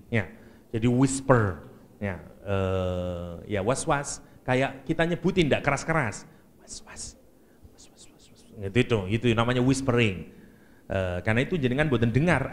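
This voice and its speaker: A man with a Javanese accent giving a joking, lively lecture on Quranic exegesis as an Islamic preacher. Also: mid-range voice. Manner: lively, joking, mixes Javanese and English words.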